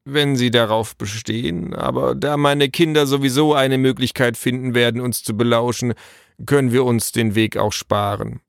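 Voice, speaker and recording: A man voicing a sardonic middle-aged tracker and father in a storybook reading, dry and unhurried. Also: mid-range voice, steady tone, gravelly, clean tone, no echo, pitched above the performer's own voice, close to an everyday voice.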